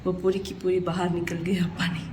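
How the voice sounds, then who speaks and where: A woman's voice: lowish voice, monotone, fairly quick, a little mellow, slight background noise. Chatty young woman vlogging at home. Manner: chatty, self-mocking, laughs at herself. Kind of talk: casual home vlog narration. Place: family home, indoors and on a rooftop.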